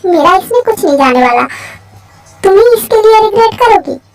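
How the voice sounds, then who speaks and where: A woman voicing a cold, mocking young male mafia boss in a lowered voice. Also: sing-song, moderate pace, heavily acted. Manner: cold, dismissive, low. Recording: faint music behind.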